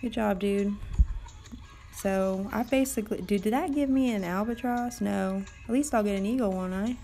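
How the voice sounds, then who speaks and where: A woman's voice: mid-range voice, normal speed, mellow, faint music behind. A woman casually chatting and commenting while livestreaming a mobile game, rambling and swearing now and then, her voice tired late at night. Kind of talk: casual live gameplay commentary.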